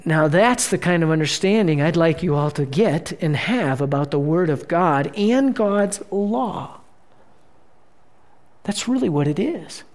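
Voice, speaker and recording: Conversational preacher with hushed, slowed asides. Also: mid-range voice. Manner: conversational preaching, frequent "right?" check-ins; swings between emphatic bursts and hushed, slowed phrases. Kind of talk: sermon.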